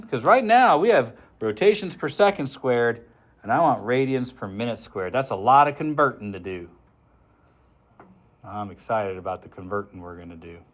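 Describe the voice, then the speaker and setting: A man's voice: mid-range voice, very animated, normal speed, fairly bright tone. A man teaching a physics class, joking with students while talking step by step through a worked example. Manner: joking, chatty, talks through arithmetic step by step. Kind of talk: classroom lecture, working an example.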